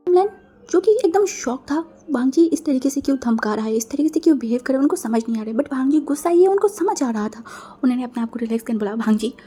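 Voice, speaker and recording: A woman's voice: high voice, expressive, fast talker, mellow, husky. Chatty woman narrating a fan-fiction story. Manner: chatty, with frequent English filler words.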